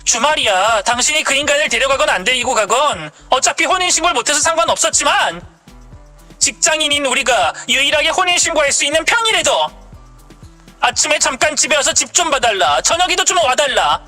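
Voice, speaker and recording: A woman's voice: high-pitched, sing-song, brisk, sharp tone, soft background music, pitched above the performer's own voice, heavily acted. A woman voicing an angry young wife who scolds her husband and mother-in-law sharply. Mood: angry, scolding.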